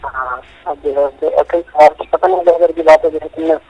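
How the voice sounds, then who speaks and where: A man's voice: a little high, fairly even intonation, fairly quick, husky, dry recording. A man calling in to a religious debate who answers hesitantly and defensively. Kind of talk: phone debate. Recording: phone line.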